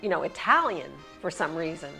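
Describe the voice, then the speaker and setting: Low, creaky woman explaining casually. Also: sing-song, fairly quick, pushed and bright, soft background music. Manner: chatty, frequent fillers. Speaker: commentator.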